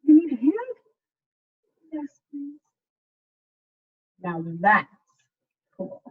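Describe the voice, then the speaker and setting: A woman teacher reading a storybook aloud to students in an animated, chatty way, with casual asides. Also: high-pitched, very slow, narrow, tinny audio. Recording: distant mic, thin band-limited sound.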